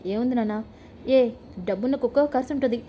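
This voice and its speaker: A woman's voice: a little high, fairly quick, dark tone, slight background noise, close to an everyday voice. A woman doing a blunt sarcastic young husband. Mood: defiant. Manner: sarcastic, defiant.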